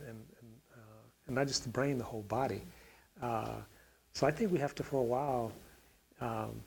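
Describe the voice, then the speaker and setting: A man's voice: mid-range voice, creaky, a little hiss or hum, low-quality recording. A man on a discussion panel answering a question, talking in a rambling way with many fillers and restarts.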